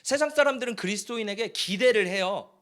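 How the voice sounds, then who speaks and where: A male pastor giving an animated Friday-night sermon in a church, joking with the congregation and calling for amens. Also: sits high, fairly quick. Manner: animated, jokes and calls for amen. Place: church sanctuary.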